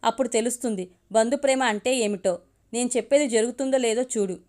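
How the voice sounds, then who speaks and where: A woman's voice: on the high side, fast, darkish tone, natural voice. A woman voicing an angry older brother who scolds his sister harshly. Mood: scolding.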